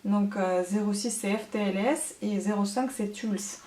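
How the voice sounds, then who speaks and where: A woman talking casually through a makeup haul as a beauty vlogger, chatty and often filling pauses with hesitations. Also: mid-range voice, steady tone, a little mellow. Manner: chatty, many hesitant fillers. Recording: echoey room.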